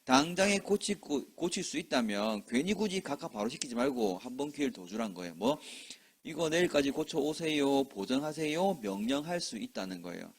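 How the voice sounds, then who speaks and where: A male lecturer with a husky, slightly rough voice that rises and falls a lot. He talks his way through exam material and keeps asking his students whether they are following. Now and then he slips into short acted scenes with quoted voices. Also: mid-range voice, a little fast, hardly any pauses. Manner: lively, rhetorical questions, checks understanding often.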